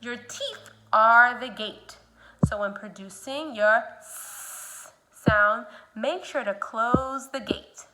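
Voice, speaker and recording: A woman teaching a speech sound lesson, modeling speech slowly with exaggeration and guiding the learner step by step with simple prompts. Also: a little high, background noise.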